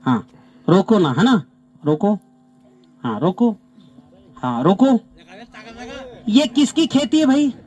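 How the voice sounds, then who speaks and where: Brief: male farming trainer, high and animated voice, outdoor field demo, firm repeated instructions. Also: slow, long pauses, slightly rough. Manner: animated, repeats short commands. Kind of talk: live outdoor demonstration with participants. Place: outdoors on farmland under trees.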